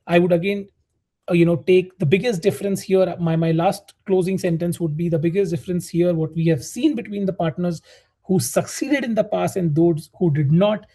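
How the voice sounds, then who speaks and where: Man, high voice, husky, mellow, hesitant, fillers, webinar presenter, video call. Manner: hesitant, many fillers and restarts. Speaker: webinar co-presenter, strategy director.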